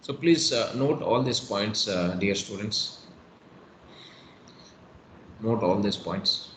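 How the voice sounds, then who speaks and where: A man's voice: on the low side, slow, a bit bright. A man with an Indian English accent giving an online lecture, repeating key points emphatically with many fillers. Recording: echoey room with faint noise.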